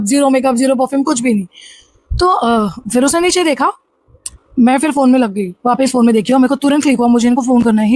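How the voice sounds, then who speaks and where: Fast, high-pitched woman telling a story. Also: no echo. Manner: animated, rushed storytelling with restarts. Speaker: vlogger. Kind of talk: casual storytime monologue.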